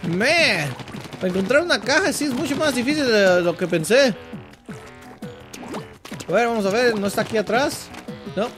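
A Mexican man keeps up animated let's play commentary, swinging his voice widely as he jokes and teases himself. Playful shouts break through his talk. Game music runs underneath. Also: very high-pitched, moderate pace, long pauses. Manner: joking, teasing self-talk with playful shouts. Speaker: gaming channel host.

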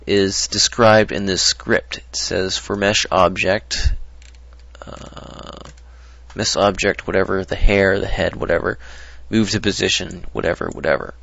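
Guy with a low creaky voice rambling thru a screen tutorial, dry dull mic. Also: slow, fairly bright tone, dry recording. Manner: rambling, hesitant, lots of ums and restarts. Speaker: modding tutorial presenter. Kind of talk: casual screen-recorded tutorial.

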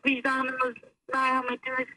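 A woman guest speaking on a live phone call played over a loudspeaker, talking earnestly and haltingly with many fillers. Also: high voice, completely flat delivery, noisy background. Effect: heard over the phone on a loudspeaker. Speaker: guest calling in. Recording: distant phone audio through a speaker.

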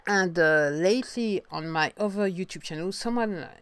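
A young adult woman from France with a French accent, talking through a casual podcast monologue in halting sentences full of restarts and fillers. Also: fairly low pitch, a bit bright, smooth, no echo. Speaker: podcast host, singer-songwriter.

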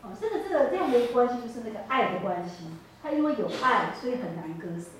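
A woman with a Taiwanese Mandarin accent preaches a sermon as a story, often stopping to ask the congregation rhetorical questions. Her fairly high voice hesitates and corrects itself as she goes. She is picked up from some distance in an echoey church hall with faint background noise. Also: lively intonation, fast talker. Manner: hesitant, with fillers and self-corrections.

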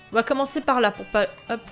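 A gaming video host with a fairly high, slightly bright voice gives casual let's-play commentary on a farming game. She chats directly to viewers and reads the game's prompts aloud.

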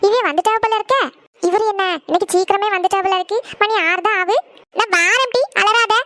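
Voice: very high-pitched, fairly even intonation, a little fast, sharp tone, no echo, studio quality. A performer voicing a busy mother who scolds her daughters and questions her husband. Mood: fussing.

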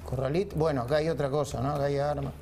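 A man's voice: on the high side, fairly even intonation, quick pace, darkish tone, slight background noise. A man with an Argentine Spanish accent hosting a studio panel, ironic and commanding, giving orders to the crew as he talks. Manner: ironic, directs the producers mid-talk. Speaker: TV panel host. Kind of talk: opinionated studio panel talk. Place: TV news studio.

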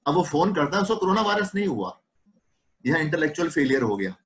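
A man's voice: fairly high pitch, big pitch swings, fast talker, a bit bright, rough recording. Man lecturing on homeopathy with patient examples. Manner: explains with patient examples, acts out dialogues. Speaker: homeopathy doctor and teacher. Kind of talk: clinical lecture.

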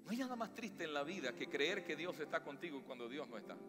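A man with a Latin American Spanish accent preaching a sermon as pastor, with emphatic rises and slow, stressed phrases. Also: on the high side, very animated. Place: church sanctuary. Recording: long church reverb with faint music.

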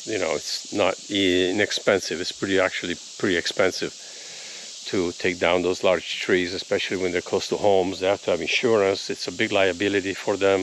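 Deep-voiced man rambling outdoors. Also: slight background noise. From Italy. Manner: easygoing, rambling, with many ums and little laughs. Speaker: homesteading vlogger. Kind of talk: casual vlog talk to camera. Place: outdoors on a rural property. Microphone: phone at arm's length.

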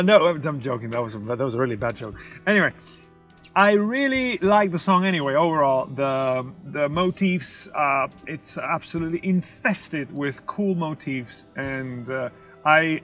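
A young man with a high-pitched voice reacts to music in a car, speaking English as a second language. He is casual and expressive, often pausing to hunt for the English word, with faint music in the recording. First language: not English. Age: young adult. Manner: halting, searching for English words mid-thought; expressive, sings out rhythms in syllables. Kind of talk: casual off-the-cuff music commentary. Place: inside a parked car in daylight.

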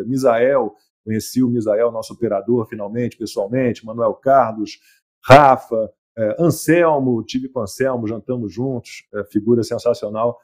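A man's voice: mid-range voice, darkish tone. A man hosting a live political talk show, chatty, greeting guests by name and tagging on "né?" often. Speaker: show host.

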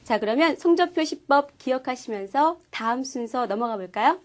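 A woman teaching a language class, explaining pronunciation clearly and patiently. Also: high voice, expressive, normal speed, slight background noise. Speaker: Korean-speaking Chinese language teacher. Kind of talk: scripted lesson presentation.

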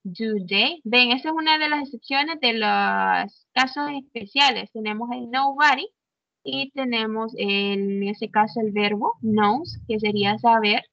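In an online English grammar lesson, a woman speaks in a fairly high, unhurried and creaky voice. She explains in Spanish using English examples and checks in often; there's no room sound, but the audio is dull and muffled.

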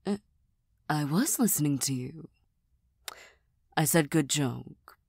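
Breathy low cat-girl, ASMR role-play by a woman. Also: slow pace, no echo, studio quality, heavily acted. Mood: dry, doubting. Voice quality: soft, breathy. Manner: deadpan, gently teasing, hesitant. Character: tired, serious, self-deprecating young cat-girl best friend.

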